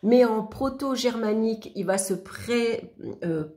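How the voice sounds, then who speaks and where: A woman's voice: on the high side, unhurried, mellow. A woman giving a casual flip-through review of a workbook, talking in a chatty way with many fillers and restarts. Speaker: YouTuber reviewing a spiritual workbook.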